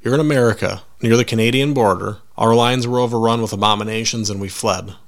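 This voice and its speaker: A man voicing a gruff male soldier who leads a squad on the run and gives blunt, folksy orders. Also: fairly low pitch, fast, natural voice. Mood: wry.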